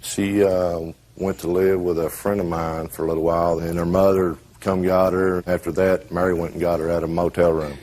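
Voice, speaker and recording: A middle-aged man answering a judge's questions as a defendant, terse and halting. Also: deep voice, level tone, darkish tone. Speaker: defendant in TV court.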